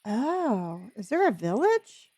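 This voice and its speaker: High-voiced woman streamer who can't pronounce R's. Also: very animated, slow, warm tone. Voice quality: speech impediment, cannot pronounce R's. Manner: chatty, addresses viewers as honey. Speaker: live streamer. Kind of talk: casual chat with live stream viewers while gaming.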